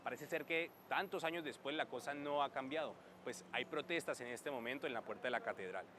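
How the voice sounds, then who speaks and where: Colombian man, street reporter, bright forceful voice, city square, faint noise. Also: medium pitch, fairly quick. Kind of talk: on-location reporting.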